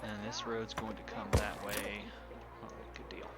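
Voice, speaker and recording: A man with a lowish voice streams a building game live, chatting casually at a moderate pace to himself and his viewers as he builds. He sounds relaxed, and loud music plays underneath him.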